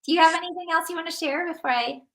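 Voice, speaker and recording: Bright, chatty woman podcast host. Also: very high-pitched, racing. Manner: chatty, upbeat, lots of fillers. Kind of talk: casual podcast chat.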